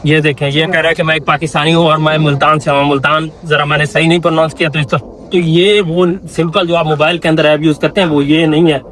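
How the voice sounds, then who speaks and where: A young man vlogging casually from inside an indoor trade center, pitching gadgets with eager, salesman-like enthusiasm. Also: flat delivery, fast talker, a bit bright. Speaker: travel vlogger. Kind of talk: casual promotional walkthrough.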